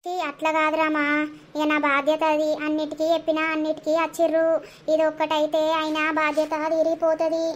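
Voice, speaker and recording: A woman's voice: high voice, monotone, fairly quick, a little hiss or hum, close to an everyday voice. A woman voicing a timid, pleading village widow. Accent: Telangana Telugu. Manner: pleading, apologetic. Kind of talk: animated village comedy voice acting.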